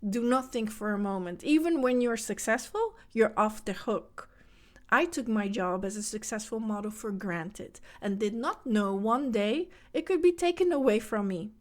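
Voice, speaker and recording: A slightly high voice with lively intonation and normal speed belongs to a Dutch woman, native in Dutch, speaking English with her accent. As a self-help coach for mothers, she delivers an earnest motivational podcast monologue directly to listeners.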